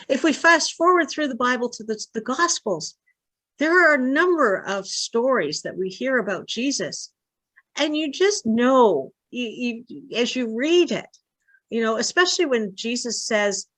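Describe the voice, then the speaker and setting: A woman's voice: medium pitch, fairly bright tone. A woman minister giving a conversational sermon, animatedly acting out quoted voices. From Canada. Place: church or online service.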